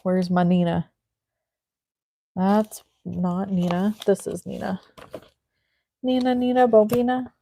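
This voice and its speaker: Chatty forties woman, mid-pitched, casual live crafting host talking to her viewers. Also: steady tone, slow, vocal fry, pauses often, dark tone, slight background noise. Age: 40s. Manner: chatty, thinks aloud and talks to viewers. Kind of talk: casual chat while crafting.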